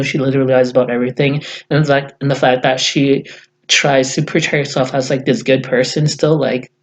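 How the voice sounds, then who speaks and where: A man in a casual vlog rant, blunt and profane, rambling with many fillers, who says he has just woken up. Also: mid-range voice. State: just woke up. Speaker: YouTuber.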